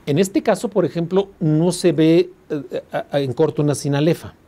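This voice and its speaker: A man's voice: fairly high pitch, normal speed, warm tone. A man with a Mexican accent teaching a class, explaining patiently and often asking the students if they follow. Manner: explains patiently, checks understanding with constant questions. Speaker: law school teacher. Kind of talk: classroom lecture.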